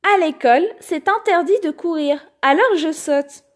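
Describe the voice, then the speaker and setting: A woman reads a children's picture book aloud, her voice sitting high and bright in pitch. She takes her time, unhurried and gentle, and gives the lines an expressive, animated bedtime-story lilt.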